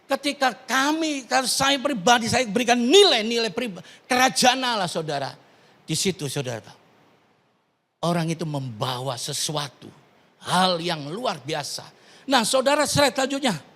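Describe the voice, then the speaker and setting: Man, pastor, high voice, sermon, emphatic questions to the congregation. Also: big pitch swings, normal speed, a bit bright. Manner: addresses the congregation as "saudara", rising emphatic questions. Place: large church hall. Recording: long hall reverb.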